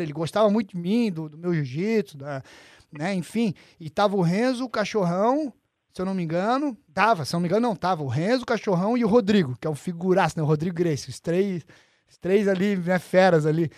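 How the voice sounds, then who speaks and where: A man with a Brazilian accent, telling a story in a casual podcast chat, animated and slangy, swearing freely and acting out the voices of the people he quotes. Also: high-pitched, no echo, studio quality.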